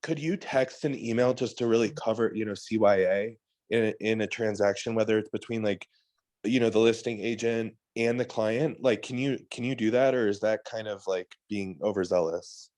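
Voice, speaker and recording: A man losing his voice, asking a trainer hesitant, halting questions on a video call. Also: on the low side, fairly even intonation, darkish tone.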